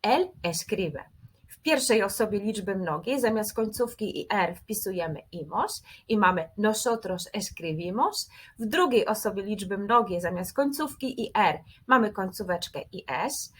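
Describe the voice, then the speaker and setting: Husky woman teaching with a lively voice. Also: mid-range voice, normal speed. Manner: clear, methodical, repeats patterns. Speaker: Spanish teacher. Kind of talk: scripted grammar lesson.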